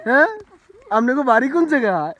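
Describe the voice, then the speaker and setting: Bright-voiced curious vlogger. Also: male voice, extremely high pitch, very animated, quick pace. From Noakhali, Bangladesh. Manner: curious, friendly, asks lots of questions. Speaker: travel vlogger. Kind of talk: casual on-the-spot chat with locals.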